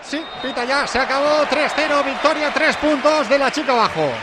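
A man's voice: very high-pitched, brisk, a loud crowd. A man with an accent from Spain calling a football match live on radio. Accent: Spanish from Spain. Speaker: football play-by-play commentator. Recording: loud stadium background noise.

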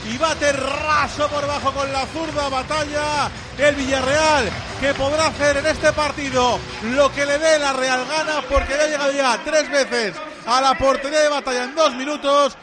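High-pitched man in breakneck goal commentary. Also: moderate pace. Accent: Spanish from Spain. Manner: excited, shouting and drawing out words. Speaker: football play-by-play commentator. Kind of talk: breakneck goal commentary with long shouted goal calls. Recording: noisy stadium with loud crowd. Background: stadium crowd noise.

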